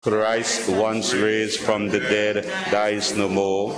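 A man leading a church service at a pulpit microphone, reading prayers and scripture in a measured, solemn way. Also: on the low side. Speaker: officiant leading worship. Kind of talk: liturgical reading. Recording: long church reverb with background hiss.

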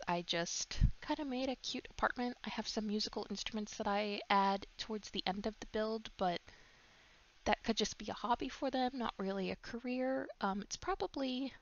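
Stuffed-up young woman rambling casually. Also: mid-range voice. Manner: chatty and rambling, many ums and likes. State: stuffed up with a cold. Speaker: gaming YouTuber. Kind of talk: casual voice-over commentary. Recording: slightly dull lo-fi mic.

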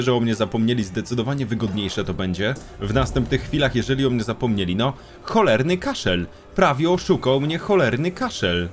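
A man's voice: medium pitch, a little hiss or hum. A young man giving casual let's-play commentary, talking to enemies, joking and swearing a lot. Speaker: gameplay streamer.

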